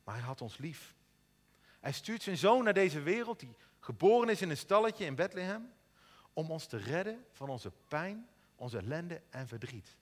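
A man's voice: fairly high pitch, very animated, moderate pace, long reverb tail. A man preaching an earnest sermon in a church, sometimes stumbling over repeated words. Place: church in Eindhoven.

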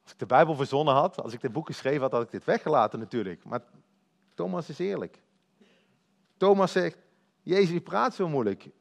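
Animated preacher telling a story. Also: male voice, mid-range voice, a little fast, creaky, long pauses. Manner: lively storytelling, talks directly to listeners. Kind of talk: sermon.

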